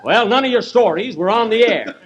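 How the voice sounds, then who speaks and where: An actor playing a boastful, bumbling cowboy outlaw in a 1930s live radio comedy, with brash, indignant timing. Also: male voice, high-pitched, lively intonation, a little fast, highs cut off. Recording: noisy 1930s radio broadcast.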